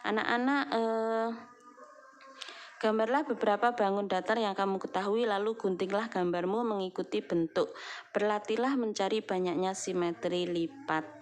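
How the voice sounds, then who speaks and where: A middle-aged woman teacher from Indonesia walks young pupils through a recorded lesson. Her voice sits at an ordinary middle pitch, and she explains things slowly, repeating points and checking in with the children as she goes. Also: a little hiss or hum. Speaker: primary school teacher.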